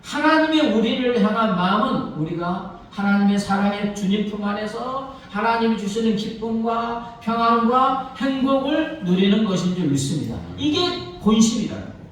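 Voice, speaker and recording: A man's voice: sits high, expressive, normal speed, few pauses, slight background noise. A man preaching a sermon as pastor, telling a story and asking the congregation rhetorical questions. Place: church sanctuary. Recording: echoey hall, mic from far off.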